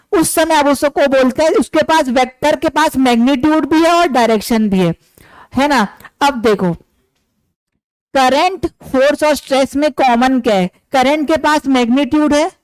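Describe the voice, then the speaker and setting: A man's voice: very high-pitched, moderate pace, no echo, low-quality recording. A man teaching a physics class who keeps asking questions and answering them himself, calling his listeners his dear students.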